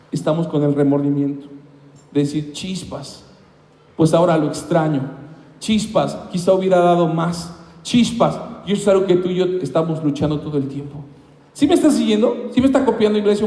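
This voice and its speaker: A male pastor preaching an impassioned sermon, swinging between loud highs and quiet lows. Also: echoey room, big-room sound. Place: church.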